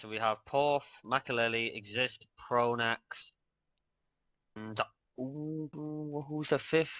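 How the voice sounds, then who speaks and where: A man co-commentates an esports match in a casual, offhand way, thinking aloud and admitting when he is unsure. His voice is bright and forceful at a middle pitch. It comes through a dull, lo-fi mic with a dry sound. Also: clean tone, dry recording. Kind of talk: live esports broadcast commentary.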